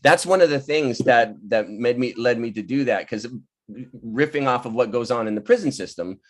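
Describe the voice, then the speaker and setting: Over a video call for a virtual table read, a male playwright with a mid-range voice talks at a normal pace. He's casual and informal, laughing often as he explains the work.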